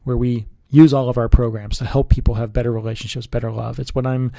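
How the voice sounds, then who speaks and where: Guy doing an earnest sales pitch for his coaching course, mid pitch, dry sound. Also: little pitch movement, fast, creaky, mellow, dry recording. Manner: earnest, persuasive, talks straight to the listener. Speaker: relationship coach.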